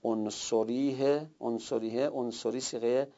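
A man gives a grammar lecture in a gravelly, creaky voice at a middle pitch. He explains patiently and repeats points for emphasis. The recording sounds dull and lo-fi. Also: steady tone, dark tone. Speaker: teacher.

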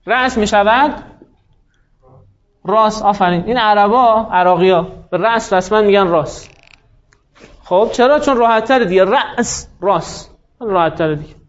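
A man with a rather high voice lectures on grammar, laying out each rule in small steps. He often poses a question and answers it himself. The recording sounds a little dull and lo-fi. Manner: explains step by step, asks and answers his own questions. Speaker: teacher.

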